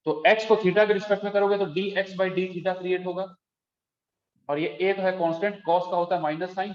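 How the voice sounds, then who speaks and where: A man teaches calculus to his class in a fairly high-pitched, darkish voice, breaking each idea into steps and regularly asking if everyone follows. He's a math teacher giving a classroom lecture, recorded in an echoey space with dull, lo-fi audio.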